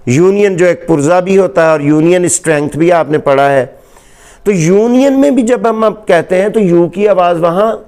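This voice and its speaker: A man's voice: high-pitched, darkish tone. A man with a Pakistani Urdu accent teaching English grammar in a lecture, patiently repeating examples and asking rhetorical questions.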